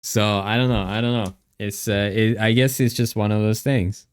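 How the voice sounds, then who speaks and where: A man's voice: on the low side, fairly even intonation, normal speed, clear, resonant tone. A man livestreaming from a home setup, chatting casually and thanking viewers over a headset mic in a rambling, upbeat way.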